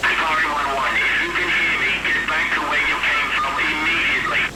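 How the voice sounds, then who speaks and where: A man's voice: a little high, fairly even intonation, quick pace, over music, low-quality recording. A man voicing a military radio operator at command, calling over a radio in clipped protocol. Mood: urgent.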